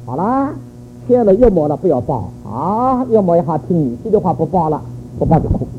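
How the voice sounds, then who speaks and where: An older man delivers a church sermon on raising children, telling stories animatedly and tossing in rhetorical questions. His voice is on the high side, a little fast, with big pitch swings, heard through narrow, phone-like audio with faint noise.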